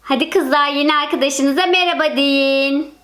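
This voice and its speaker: Woman playing a concerned mom, soothing, very high voice, game story. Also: fairly even intonation, normal speed, fairly bright tone. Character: caring mother calming her daughters.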